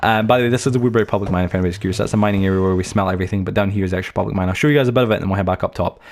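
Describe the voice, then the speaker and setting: A young man talks quickly through a let's-play tour of his game world. His voice sits low, and he rambles from story to story with plenty of fillers and restarts. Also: darkish tone. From United Kingdom. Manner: chatty, anecdotal, many fillers and restarts. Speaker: gaming channel host.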